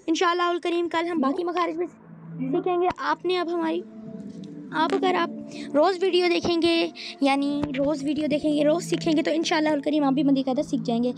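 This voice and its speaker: A woman's voice: very high voice, steady tone, background noise. A woman with a Pakistani Urdu accent teaching Quran reading step by step, repeating each point and speaking straight to viewers. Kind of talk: patient step-by-step lesson. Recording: music playing behind voice.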